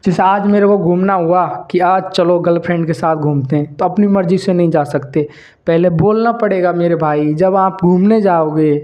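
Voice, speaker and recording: A man's voice: high-pitched, moderate pace, lo-fi sound. A man hosting his own channel, explaining business ideas to viewers in a repetitive, emphatic way and calling them brother. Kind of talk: explaining to camera, casual lecture.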